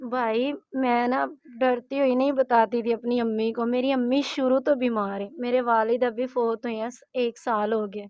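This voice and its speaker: A woman's voice: fairly high pitch, fairly even intonation, few pauses. Distressed mother. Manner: pleading, distressed. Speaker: interviewee, mother. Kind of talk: emotional personal account. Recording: dull, muffled dry recording.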